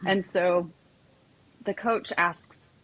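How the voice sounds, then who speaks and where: A woman's voice: on the low side, fairly even intonation, extremely slow, fairly bright tone, low-quality recording. A woman psychotherapist and equine coach, talking as a podcast guest in a chatty storytelling way, full of "like" and "you know". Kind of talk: casual podcast conversation.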